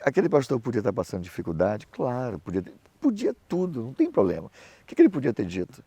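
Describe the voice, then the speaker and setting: A man's voice: mid-range voice, quick pace, slightly rough, no room sound. A middle-aged man, a pastor and missionary, preaching and telling anecdotes, acting out the people he quotes in his stories. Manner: animated storytelling, acts out other voices in quotes.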